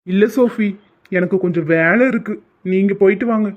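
A woman's voice: medium pitch, brisk, phone-quality sound, voice pushed down, close to an everyday voice. A woman voicing a reluctant, pleading young man in a cartoon story.

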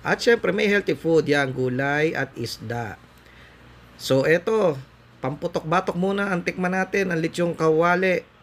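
A man's voice: a little high, measured pace. A man in his thirties from the Philippines, narrating a casual food vlog as he tours a buffet restaurant and lists the dishes in an upbeat, tour-guide manner, on a phone held at arm's length. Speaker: food vlogger. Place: large indoor buffet restaurant.

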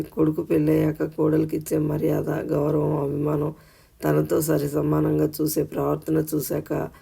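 A man narrating an audio short story in a steady, scripted reading voice. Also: a little high, gravelly, breathy edge.

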